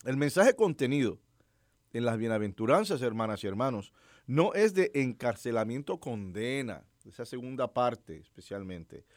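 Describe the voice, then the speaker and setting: A man, a priest, giving a Sunday homily in an unhurried, reflective way, with fillers and rhetorical questions. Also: mid-range voice, big pitch swings, no echo, studio quality.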